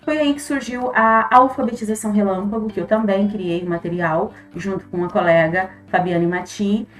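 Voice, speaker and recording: Woman teacher, earnest and emphatic, mid-pitched, soft guitar music behind. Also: fairly even intonation, normal speed. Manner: earnest, emphatic, voice swells on key points. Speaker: teacher and workbook creator. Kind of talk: explanatory talk to viewers.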